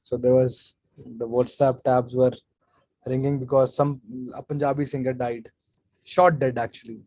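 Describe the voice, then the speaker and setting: A man's voice: medium pitch, little pitch movement, a little slow, darkish tone, no echo. A man, speaking casually as a guest speaker in a live online session and answering questions from the chat. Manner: casual, chatty, off-the-cuff advice.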